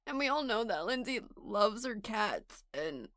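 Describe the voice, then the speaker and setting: Improv woman, high-pitched, unhurried, melodramatic fake-crier. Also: sing-song, fairly bright tone, dry recording, clean studio sound. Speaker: improv player. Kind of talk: improvised comedy role-play.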